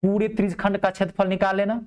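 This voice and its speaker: A male math teacher. He explains geometry step by step, keeps asking whether things are clear, and drops his voice low to answer his own questions. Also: flat delivery, very fast, darkish tone. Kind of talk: lively classroom math lesson.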